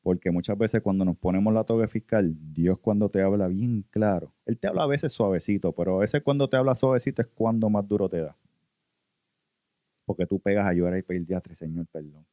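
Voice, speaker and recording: A man from Puerto Rico, with a Puerto Rican Spanish accent, preaches an earnest sermon testimony and often calls his listeners brothers. His fairly low voice moves fast with few pauses. The recording is lo-fi with no echo.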